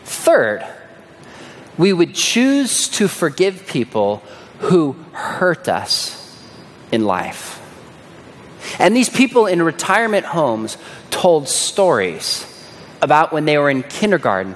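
A man preaching a sermon in a big, echoing hall. His voice sits a little high and swings widely in pitch as he tells his stories, and he sinks to a hush on the words that matter. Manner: dramatic storyteller, dropping to a hush on key words. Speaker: pastor. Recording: echoey hall.

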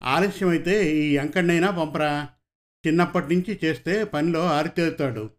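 A man's voice: a little high, normal speed, natural voice. A man voicing a bossy village landlord. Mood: scolding. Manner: scolding, bossy. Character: domineering rich male village landlord.

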